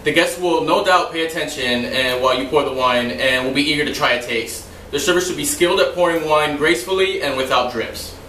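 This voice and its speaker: A young restaurant server trainer, voice on the high side, talks a little fast with few pauses while demonstrating wine service in a house's dining room. His delivery is steady and explanatory with some loose asides, and the distant camera, with no visible mic, records a roomy echo and a slight hiss or hum.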